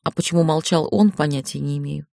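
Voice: medium pitch, fast, vocal fry, a little mellow, no room sound, studio quality. An audiobook narrator reading a first-person novel in a wry, emotional inner-monologue manner.

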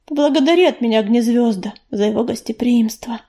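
Gentle house-cat she-cat, read by a woman, high and mellow, soft and apologetic, audiobook. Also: fairly quick, close to an everyday voice.

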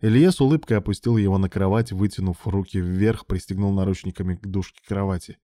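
A man narrating a story as an audiobook in a steady, even reading voice. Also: deep voice, fast, no room sound, clean studio sound.

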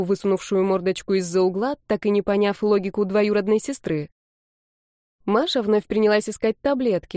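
A woman narrating an audiobook with a lively, expressive reading. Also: medium pitch, no echo, clean studio sound.

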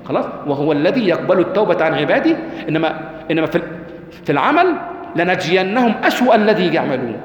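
A man with an Egyptian Arabic accent giving a lecture on Quran rhetoric, asking his class questions and quoting verses slowly. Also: on the high side, big pitch swings. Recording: echoey hall, dull lo-fi.

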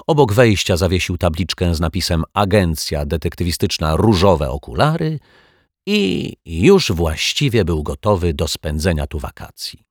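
A man narrating a children's story in a gentle, playful way. His voice is deep and husky, with a lively, expressive pitch. It is recorded close and dry, with no room sound. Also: dry recording.

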